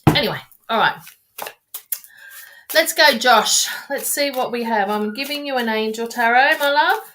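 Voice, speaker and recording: A woman's voice: on the high side, normal speed, bright, forceful tone, slight background noise. Chatty woman giving live tarot readings. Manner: chatty, affectionate, rambling with restarts. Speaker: tarot reader on a live stream. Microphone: webcam or phone mic on a live stream.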